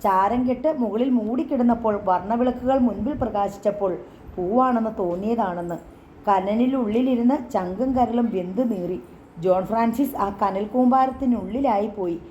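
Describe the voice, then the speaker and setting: A woman narrating a story audiobook in a measured, dramatic manner. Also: on the high side, mellow, slight background noise. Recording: echoey, slightly dull recording.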